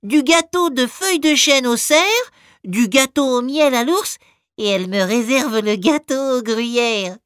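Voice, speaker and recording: A tiny, squeaky storybook mouse. She chirps along quickly and eagerly in a very high voice, recorded close and dry. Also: animated, fairly bright tone, clean tone, dry recording. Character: tiny helpful female mouse.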